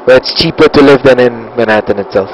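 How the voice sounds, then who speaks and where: A man coaching live as a flight simulator instructor, giving short, calm, encouraging step-by-step instructions. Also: mid-range voice, fast, rough recording. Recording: steady cockpit-like background noise.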